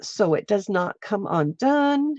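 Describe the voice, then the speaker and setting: A woman with a stuffy, congested voice, slowly walking viewers through a craft step by step and chatting with them as she works. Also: mid-range voice, big pitch swings, a little mellow, dry recording, highs cut off. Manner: slow, meandering, chats with viewers while working. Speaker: craft livestreamer. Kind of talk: casual craft demonstration. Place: home, at her lap.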